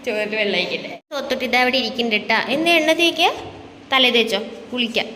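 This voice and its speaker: A high-pitched woman chats with her toddler in a coaxing, sing-song voice, asking question after question. The sound is roomy, with a long reverb tail and a faint hum of background noise, as if from a home kitchen. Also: animated, fast, bright, forceful tone. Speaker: vlogger and mother. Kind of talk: casual chat with a small child.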